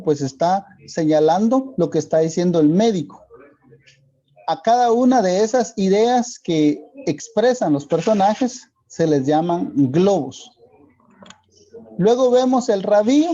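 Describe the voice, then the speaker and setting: A male teacher with a Guatemalan Spanish accent, explaining a lesson slowly and checking in with rhetorical questions. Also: high voice, warm tone, highs cut off. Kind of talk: classroom lesson for video.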